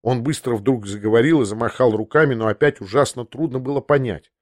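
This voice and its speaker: A man reads a classic novel aloud in a measured, literary first-person narration. The sound is dry and close on the mic, with no room around him, and his voice sits at an ordinary middle pitch for a man. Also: dry recording. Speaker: audiobook narrator.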